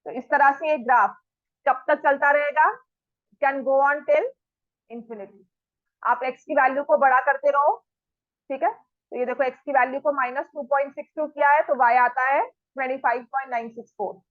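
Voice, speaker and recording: Woman teacher, high voice, lo-fi. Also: fairly even intonation, moderate pace, no echo. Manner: talks straight to the students, asks them questions, scolds firmly. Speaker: maths teacher. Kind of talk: classroom maths lesson, then scolding students.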